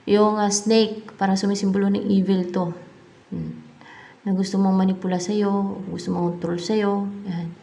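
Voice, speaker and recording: Lady doing a tarot reading, kinda gravelly and mellow, thinks out loud, repeats stuff, switches to english a lot. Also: medium pitch, flat delivery, moderate pace. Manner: musing, repeats herself, mixes English into speech. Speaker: tarot card reader. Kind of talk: casual spoken tarot reading.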